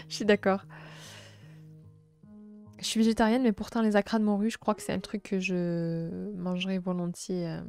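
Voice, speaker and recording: A young woman from south-east France with a southern French accent, chatting gently with her live-stream viewers and filling pauses with hesitations. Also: medium pitch, clear, resonant tone. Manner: gentle, chatty, many fillers and restarts. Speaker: livestream host. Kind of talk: casual live-stream chat, reading chat.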